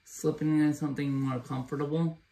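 An actor playing a gentle, old-fashioned blind man on a date in a comedy sketch. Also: on the high side, little pitch movement, fairly quick, vocal fry, distant mic. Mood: smitten. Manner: earnest, old-fashioned courtesy.

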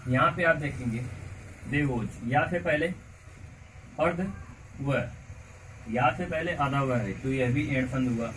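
A man teaching a grammar lesson in a coaching class, slowly repeating words and asking the class questions. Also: medium pitch, fairly bright tone. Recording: far from mic with faint background noise.

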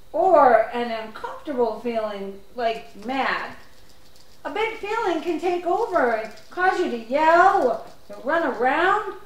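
A performer voicing a patient, teacher-like puppet in a children's puppet show who explains feelings slowly and step by step. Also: high voice, roomy sound, far from the mic, exaggerated voice, low-quality recording. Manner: slow, gentle, explains step by step.

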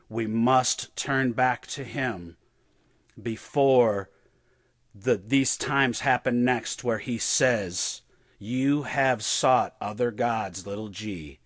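A man preaching an online sermon in a slow, deliberate and solemn way. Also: mid-range voice, a bit bright, dry recording, clean studio sound.

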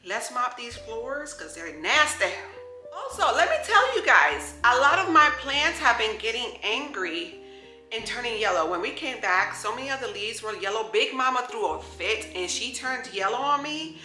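A woman in her thirties talks to her viewers from her home kitchen in a bright, forward voice, chatty and upbeat. The kitchen gives her voice an echo, and faint music plays underneath. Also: fairly high pitch, big pitch swings, normal speed. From New York. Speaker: lifestyle vlogger. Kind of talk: casual chat to camera. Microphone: camera close on the counter.

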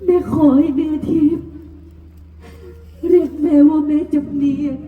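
A woman playing a gentle, long-suffering mother who soothes and pleads on a live folk stage. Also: high voice, fairly even intonation, measured pace, far from the mic, faint music behind. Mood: pleading. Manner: soft, coaxing, pleading. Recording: dull, echoey live stage heard from afar.

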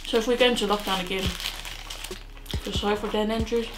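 A woman's voice: medium pitch, steady tone, fast talker. A young Australian woman vlogging a mukbang, chatting casually between bites with her mouth full and chewing. She rambles and uses a lot of filler words. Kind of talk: casual chat while eating. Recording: echoey room with music behind. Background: music playing.

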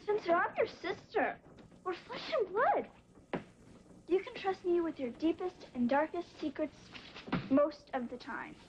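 A woman's voice: very high voice, lively intonation, a little slow, lo-fi sound. An actress playing a loyal, wisecracking teenage sister with an American accent and a girlish voice in a sitcom. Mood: loyal, cheeky. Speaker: actor. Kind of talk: sitcom acting. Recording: noisy 1980s TV soundtrack.

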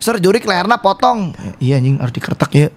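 A man streaming a horror game, talking loudly and rowdily to his chat and swearing often. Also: sits high, sing-song, quick pace. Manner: loud, rowdy, swearing, addresses chat constantly. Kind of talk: live-stream gameplay commentary.

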